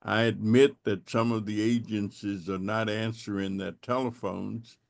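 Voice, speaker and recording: Deliberate male panelist, gravelly, unhurried delivery. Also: lowish voice, level tone. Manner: slow, measured, with restarts. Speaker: panelist, congressman. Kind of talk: panel discussion answer.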